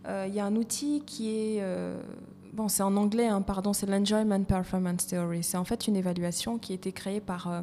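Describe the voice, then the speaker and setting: A woman's voice: mid-range voice, fairly even intonation, brisk, warm tone. A woman speaking as a podcast guest, thoughtful and often restarting her phrases. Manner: reflective, restarts mid-phrase. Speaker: guest, evaluation coach. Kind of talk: conversational podcast interview. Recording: reverberant room with faint noise.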